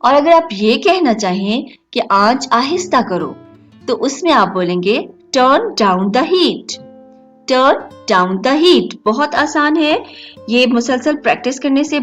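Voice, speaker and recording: A woman hosting an English lesson, repeating each phrase slowly and carefully for learners. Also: on the high side, fairly bright tone. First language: Hindi or Urdu. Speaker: English teacher, channel host. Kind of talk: slow instructional lesson.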